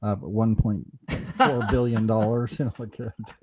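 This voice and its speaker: A man's voice: fairly low pitch, steady tone, normal speed. A man from Denmark co-hosting a podcast in casual chat, rambling with many restarts and "right?" asides. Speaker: podcast co-host.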